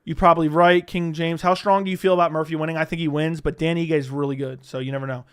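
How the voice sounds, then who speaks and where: A man's voice: on the high side, flat delivery, quick pace, smooth. A young man hosting a casual livestream, rambling and swearing freely as he answers questions from the chat. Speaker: livestream host.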